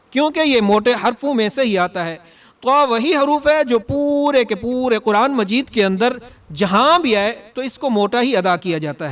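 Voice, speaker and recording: High-voiced man teaching letter sounds. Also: a bit bright. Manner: slow and deliberate, demonstrating letters with drawn-out sounds; corrects mistakes firmly and repeats himself. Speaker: Quran teacher. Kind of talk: Quran recitation lesson.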